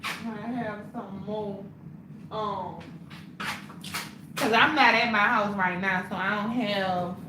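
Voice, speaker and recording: A woman's voice: mid-range voice, reverberant, noisy background. A woman hosting a casual livestream, talking bluntly and profanely to her viewers. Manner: blunt, profane, fired-up pep talk. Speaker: livestream host.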